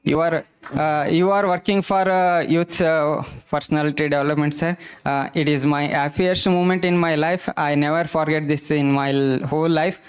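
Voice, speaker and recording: A young man with a Karnataka Indian English accent addressing an author from the audience, halting and formal, with many pauses and fillers. His voice is fairly high and smooth, and it carries clearly through the hall. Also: steady tone. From Gulbarga, India. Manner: halting, many uh fillers, earnest and formal, says sir often. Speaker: fan asking questions. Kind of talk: audience question at an event. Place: bookstore event with audience.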